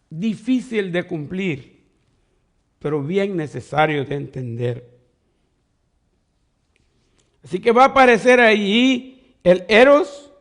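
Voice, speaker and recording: A man's voice: sits high, a bit bright. A man preaching a sermon as pastor, teaching step by step and leaning on quoted questions. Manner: teaching Bible study, explains words step by step.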